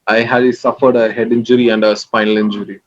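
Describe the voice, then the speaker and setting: A man's voice: lowish voice, brisk. Young man, lo-fi sound. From Kerala, India. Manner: relaxed, rambling, many fillers. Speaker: interview guest. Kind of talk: casual interview.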